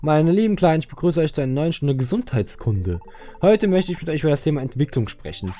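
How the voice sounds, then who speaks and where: A man's voice: fairly high pitch, sing-song, fast, mellow. A man voicing a female schoolteacher from a video game, lecturing her pupils in a sing-song tone. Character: prim female schoolteacher addressing little pupils.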